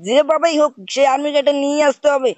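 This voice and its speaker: In a high-pitched voice with little pitch movement, the host races through jokey gameplay commentary, scolding like an uncle and repeating "bujhchhis?" to ask if he's understood. There's no echo.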